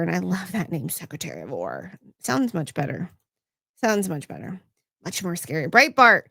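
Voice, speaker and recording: A woman's voice: on the high side, pushed and bright, dry recording, clean studio sound. A woman hosting a livestream, reading news stories aloud and adding sarcastic asides for her chat. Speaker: host.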